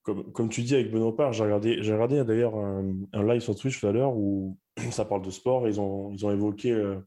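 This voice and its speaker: Low mellow-voiced young man, halting. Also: steady tone. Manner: candid, halting, many restarts. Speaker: rugby player guest. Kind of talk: casual podcast chat.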